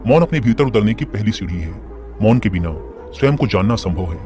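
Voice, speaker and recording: A man voicing a calm, wise older spiritual teacher, speaking in a slow, measured preaching tone. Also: lowish voice, lightly acted. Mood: serene. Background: music.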